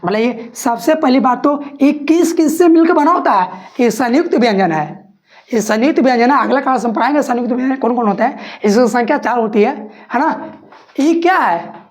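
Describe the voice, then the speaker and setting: Female teacher, higher pitch, repetitive question-and-answer exam-prep delivery. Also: expressive, fairly quick, darkish tone. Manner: asks questions and answers them herself, repeating each point.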